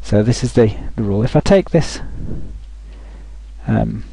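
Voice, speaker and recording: A man talking through a software tutorial over a screen recording, thinking aloud with frequent restarts. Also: fairly low pitch, lively intonation, unhurried, gravelly, slight background noise, poor audio.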